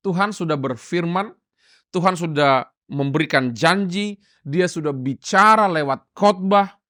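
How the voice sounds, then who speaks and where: A man's voice: high-pitched, bright, forceful tone, dry recording, studio quality. A male pastor preaching a sermon emphatically and repeatedly calling out to the congregation.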